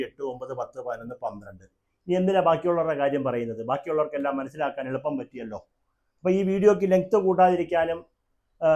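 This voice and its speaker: A man who is a temple priest and astrologer, speaking with a Kerala Malayalam accent and explaining a horoscope slowly, counting houses aloud and answering his own questions, in a room with a fan running. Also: on the high side, darkish tone. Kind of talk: astrology lesson to camera.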